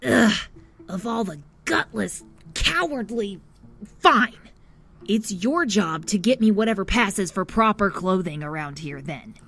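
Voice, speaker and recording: A man's voice: sits high, expressive, unhurried, pushed and bright, pitched above the performer's own voice, full character voice. A man voicing a haughty, fierce young female elf warrior in a visual novel, scornful and huffy.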